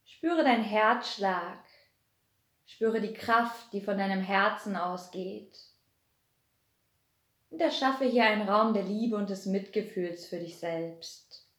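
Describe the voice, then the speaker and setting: Slow, soothing woman guiding a meditation. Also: mid-range voice, roomy sound. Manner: slow, soothing, repetitive counting down. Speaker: meditation guide. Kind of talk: guided hypnosis meditation.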